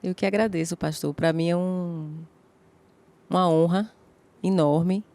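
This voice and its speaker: A woman's voice: fairly low pitch, steady tone, a little slow, dark tone. A Brazilian woman from Bahia speaking as a guest, hesitant and humbly grateful as she searches for words.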